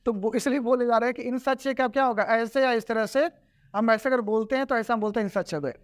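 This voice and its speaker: A man's voice: extremely high pitch, brisk, no room sound. A man teaching a grammar lesson. He repeats each example word by word and often checks whether the class has understood. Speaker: English teacher.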